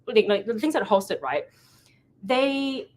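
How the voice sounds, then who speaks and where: A woman from Thailand, the founder of an event, gives a meetup presentation as lively storytelling. Her voice is on the high side and unhurried, and she acts out quoted conversations, often correcting herself mid-sentence.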